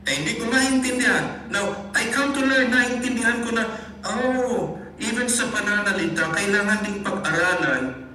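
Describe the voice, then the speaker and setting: A man's voice: sits high, normal speed, bright, forceful tone. A man from the Philippines, a pastor, preaching a sermon and mixing Tagalog with English while he often calls out to his brothers and sisters. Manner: preaching with repeated addresses to the congregation; mixes Tagalog and English in teaching. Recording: echoey room, mic far off, faint hiss.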